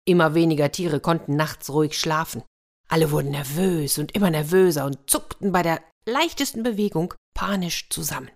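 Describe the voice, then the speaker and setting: A woman narrating a children's story with dramatic, expressive delivery. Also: low voice, normal speed. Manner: dramatic, sound-painting delivery.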